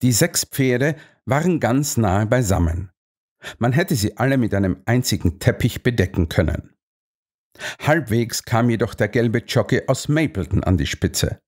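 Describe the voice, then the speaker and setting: A man narrating an audiobook in the first person, with a measured, expressive reading. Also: mid-range voice.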